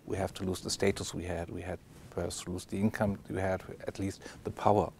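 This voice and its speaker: Male interviewer, fairly low voice, halting non-native phrasing, faint noise behind. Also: level tone, creaky, a little mellow. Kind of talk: interview questions.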